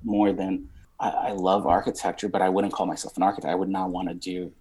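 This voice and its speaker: A husky-voiced man in his thirties, from Romania, speaks as an interview guest. He rambles and searches for words, full of fillers and restarts, now and then dropping a swear word. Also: low-pitched, flat delivery, brisk, a little mellow, low-quality recording. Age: 30s. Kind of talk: casual interview conversation.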